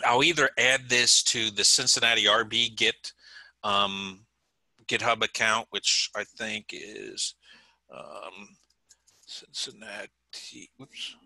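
A man presenting a coding session over a video call, friendly and agreeable, clearing his throat from coughing fits. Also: on the low side, bright, forceful tone, no room sound, poor audio. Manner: friendly, agreeable, frequent brief acknowledgments. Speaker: meetup presenter.

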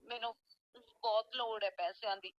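A woman's voice: a little high, steady tone, moderate pace, no room sound, dull audio. A woman acting a daughter pleadingly asking her mother for money on the phone. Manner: pleading, urgent. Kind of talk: family drama acting.

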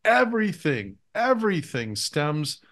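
A man hosts a religious talk show, speaking earnestly and leaning hard on key words. His voice sits a little higher than most men's. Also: big pitch swings, a little slow, fairly bright tone. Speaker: show host.

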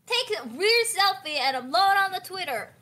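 Animated high-pitched young Korean woman. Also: moderate pace. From South Korea. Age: young adult. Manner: animated, teasing. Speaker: livestreamer. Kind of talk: casual playful livestream banter. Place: indoor room at home.

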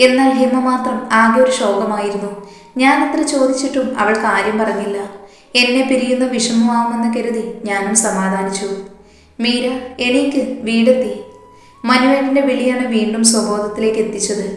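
A woman reads a romantic story aloud in a fairly high voice. She speaks the characters' lines in her own voice too. The room around her is very echoey. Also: steady tone, brisk. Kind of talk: scripted narration of a romantic story.

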